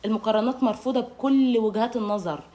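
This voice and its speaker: A woman with an Egyptian accent giving marriage advice straight to camera, brisk and emphatic, scolding while calling the viewer darling. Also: fairly high pitch, dark tone. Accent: Egyptian Arabic. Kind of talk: direct-to-camera advice monologue.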